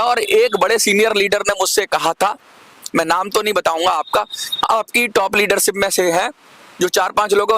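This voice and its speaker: A channel host speaks direct to camera in a commentary video, his high voice pushed and bright with vocal fry. He argues his case persuasively, repeats points for emphasis, and urges viewers to comment. The recording is dry.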